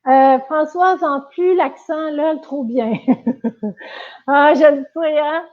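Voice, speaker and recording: Quebec lady dog trainer chatting live, kinda high voice, sounds like a phone line. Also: slow pace. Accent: Quebec French. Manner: casual, chatty, many fillers and restarts. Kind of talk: live-stream Q&A lesson. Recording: tinny phone-like audio.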